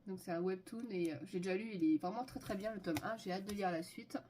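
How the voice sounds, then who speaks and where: A woman's voice: medium pitch, fast talker, a little mellow, a little hiss or hum. A woman chatting casually and enthusiastically as she lists purchases in a haul video, with frequent fillers. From France. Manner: enthusiastic, listing items with many fillers. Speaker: manga haul vlogger.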